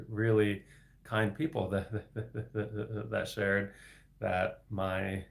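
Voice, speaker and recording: A young man hosts a casual solo livestream, reading viewer questions in a lowish, creaky voice. He stutters heavily, with many sound repetitions and blocks, and breaks into soft laughter.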